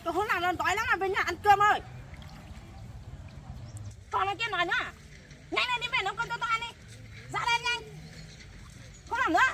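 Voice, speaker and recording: A woman's voice: very high voice, fast, pauses often, bright, forceful tone. A young woman playing a cruel, bossy daughter-in-law who harshly scolds and orders around her mother-in-law in a field. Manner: harsh, scolding, impatient commands. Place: outdoors in a rural field. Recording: noisy outdoor field recording.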